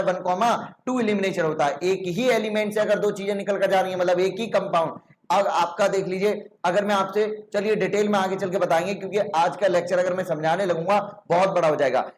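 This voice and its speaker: A man with a high, light voice and a Hindi accent teaches chemistry in a recorded online class. He explains each step patiently, poses questions and answers them himself. He often pauses to check that the students are following. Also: a little hiss or hum. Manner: checks in with "ठीक है ना". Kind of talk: online lecture.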